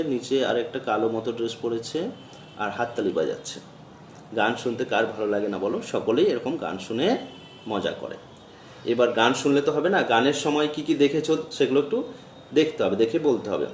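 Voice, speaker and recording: A man teaching a primary school lesson, gentle and patient, spelling words out slowly in a sing-song chant. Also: mid-range voice, echoey room, far from the mic, a little hiss or hum. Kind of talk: children's Bengali lesson.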